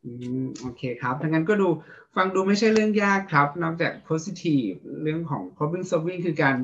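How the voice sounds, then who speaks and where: A man's voice: a little high, animated, moderate pace, fairly bright tone, dull audio, slight background noise. A man hosting an interview, asking polite questions and often repeating words as he searches for them. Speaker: host.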